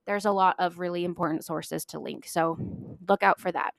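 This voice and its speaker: A woman's voice: on the low side, steady tone, normal speed, creaky, no room sound. Emphatic woman narrating a history podcast. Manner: emphatic, stresses key words, self-deprecating asides.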